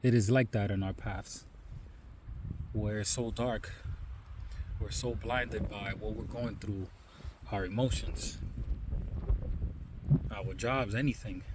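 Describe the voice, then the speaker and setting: A man vlogging outdoors on a snowy forest trail, cold and tired from the hike, talking in a calm, musing way with frequent "you know" asides into a handheld phone. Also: on the low side, takes it slowly, long pauses, noisy background. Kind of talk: reflective outdoor vlog talk.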